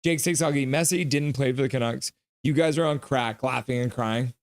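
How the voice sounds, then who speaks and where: A man with a medium-pitched voice hosts a live hockey stream. He reads chat comments aloud, tosses out loose jokes, and jumps into quick play-by-play.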